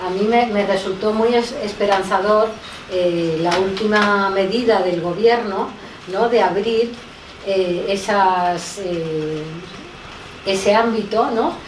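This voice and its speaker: A woman's voice: medium pitch, takes it slowly. A woman historian speaking on a conference panel, hesitating and restarting often. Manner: hesitant, many fillers and restarts. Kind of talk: conference talk. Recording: echoey hall, distant mic, noisy.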